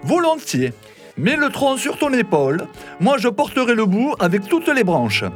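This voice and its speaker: A man's voice: extremely high pitch, huge pitch swings, moderate pace, faint music behind, pitched above the performer's own voice, full character voice. A man voicing a small, boastful, cunning tailor in a storybook reading, teasing and cocky. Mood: mocking.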